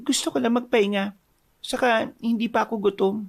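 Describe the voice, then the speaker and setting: A woman plays an anxious young village wife in a horror audio drama. Her voice sits fairly high with a gravelly creak, and she keeps pressing with worried, pleading questions. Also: fairly even intonation, brisk. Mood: withdrawn.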